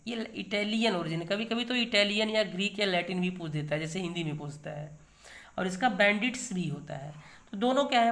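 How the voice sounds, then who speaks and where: A middle-aged male teacher gives an online grammar lesson at an unhurried, patient pace. He keeps asking little rhetorical questions, answers them himself and checks that the viewer follows. His voice sits a touch higher than most men's. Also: fairly bright tone.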